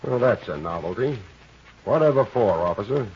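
A muffled old radio detective show with faint noise, and a man playing a wisecracking private eye. His voice is fairly low, his delivery dry, cool and full of cheeky slang. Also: lively intonation, normal speed, close to an everyday voice. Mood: flippant. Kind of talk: old radio detective drama, dialogue and first-person narration. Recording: dull, noisy old radio recording.

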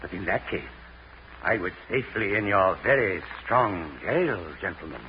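An actor playing an indignant, pompous arsonist who poses as a respectable citizen in an old-time radio crime drama. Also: male voice, low-pitched, lively intonation, moderate pace. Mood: mock-polite, evasive. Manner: pompous, mock-courteous, protesting. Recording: dull, noisy old radio recording.

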